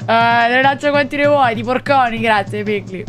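A young woman with a Sicilian accent streams a video game live. Her voice sits a little high. She talks casually to viewers, excitable and repeating herself, with faint game music playing behind her. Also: normal speed. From Sicily, Italy. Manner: excitable, repetitive, mild swearing. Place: indoor gaming room. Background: game music with drums.

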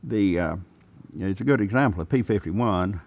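Very deep-voiced plainspoken older pilot. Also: male voice, animated, moderate pace, darkish tone. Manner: plainspoken, drawling, folksy. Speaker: pilot and aircraft owner. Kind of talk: casual interview.

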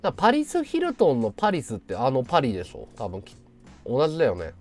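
A man in his thirties hosting a casual livestream, thanking viewers in excitable, loud bursts. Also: mid-range voice, quick pace, faint music behind. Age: 30s. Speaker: livestream host.

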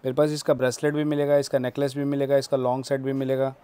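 A man's voice: mid-range voice, monotone, quick pace, mellow, clear, resonant tone. A man with a Delhi Hindi accent, a shopkeeper showing his stock with polite, salesy talk and a habit of saying yes, yes. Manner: polite, salesy, keeps agreeing and addressing her as ma'am.

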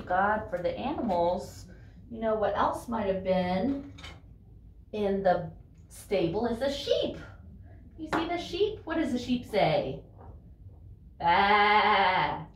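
A woman's voice: medium pitch, big pitch swings, slow, a little mellow, slight background noise. A woman speaks to a toddler in a roomy, echoing classroom, a little away from the microphone. She takes her time, using simple repeated phrases and a sing-song delivery as she leads a children's Bible lesson. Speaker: Sunday school teacher for a toddler. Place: small indoor classroom with tiled ceiling. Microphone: camera a short distance away. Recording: roomy echo, distant microphone.

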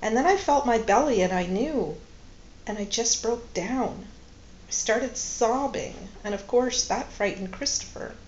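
A woman reading aloud as a composed but grieving woman who speaks quietly and carefully, holding back tears. The storybook voice is slow and measured. The recording is roomy and a little muffled, with faint noise behind it. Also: on the high side, lively intonation, voice pushed up. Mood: restrained, sorrowful. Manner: quiet, restrained, tearful at times. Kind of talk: audiobook-style read-aloud dialogue.

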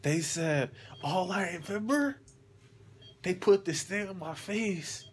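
A man's voice: sits high, slow. A young man, groggy from anesthesia, chatting casually and slangily to a phone, drifting from thought to thought. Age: young adult. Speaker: vlogger, patient after surgery. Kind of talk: casual rambling chat to camera. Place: hospital room, lying in bed. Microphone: phone at arm's length. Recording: background noise of a hospital room.

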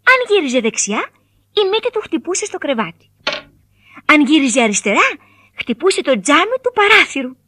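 A woman narrating a children's fairy tale in an expressive storytelling manner. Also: high-pitched, pauses often, background noise.

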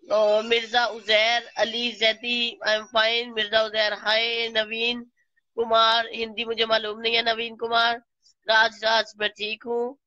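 A woman with a Pakistani Urdu accent, slightly hoarse from a flu, slowly greeting live stream viewers by name and teasing them. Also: a little high, monotone, sharp tone, no echo, dull audio. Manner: slow, greets viewers by name, playful scolding. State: hoarse from a flu and sore throat.

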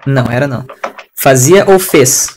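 A man's voice: medium pitch, animated, moderate pace, a little mellow, slight background noise. A man with a Brazilian Portuguese accent teaching an online English class in a chatty, slangy, ranting way over a video call.

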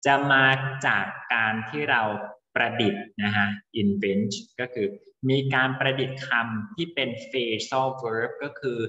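A man's voice: mid-range voice, fairly even intonation, slow, few pauses, sharp tone. A male teacher explains English word formation in a lesson, calls on students by name and mixes English terms into his explanations. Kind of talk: online class lesson. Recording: dull, echoey room with long reverb.

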